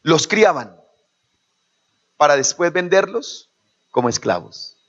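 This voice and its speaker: Colombian pastor preaching, lo-fi sound. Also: male voice, a little high, sing-song, slow, fairly bright tone. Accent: Colombian Spanish. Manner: preaching with call-and-response to the congregation; acts out quoted parents in shifting voices. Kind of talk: sermon. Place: church. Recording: dull lo-fi sermon recording.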